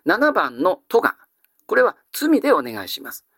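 A classical Japanese teacher explains vocabulary in an exam-prep lecture, his pitch lively and animated. He is patient and explanatory, often stretching out filler sounds, in a dry, close recording with no echo.

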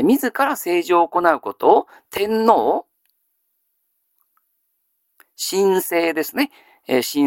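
A male teacher giving a grammar lesson, asking questions and answering them himself, with frequent drawn-out fillers. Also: a little high, no echo, studio quality. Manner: steady lecturing with many drawn-out fillers; quizzes listeners then answers himself. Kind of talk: classical Chinese grammar lesson.

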